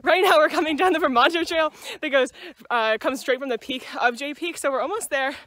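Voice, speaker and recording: Talking casually to her phone camera at arm's length, this young student vlogger sounds upbeat and enthusiastic as she goes from a small kitchen to a gas station, a car and an outdoor trail. Her voice sits high, a bit bright and a little fast, with no echo. There's faint noise in the background.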